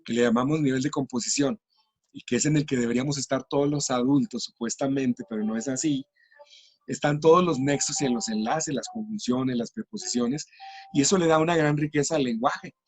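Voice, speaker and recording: A man's voice: medium pitch, expressive, fairly quick, gravelly, husky, dry recording. A middle-aged man, a teacher trainer explaining classroom practice patiently in an interview.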